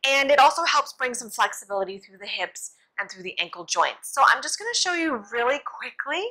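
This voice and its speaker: A woman's voice: high voice, sing-song, fairly quick, sharp tone, poor audio. A young woman giving a casual, instructional exercise demonstration in an informal, reassuring and encouraging manner, as a yoga teacher would.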